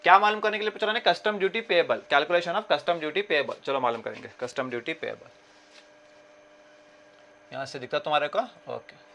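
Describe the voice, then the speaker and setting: A man with a Kannada-region Indian English accent teaches commerce in a fairly high voice. He keeps asking his class questions and repeating key terms, slowing down whenever he reads a problem aloud in English. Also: bright, forceful tone, slight background noise. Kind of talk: classroom lecture.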